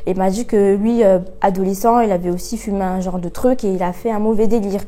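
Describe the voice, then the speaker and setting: A woman's voice: mid-range voice, fairly even intonation, fast talker, warm tone. A young woman telling a personal story in a casual vlog, full of fillers and acting out her own thoughts. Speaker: vlogger.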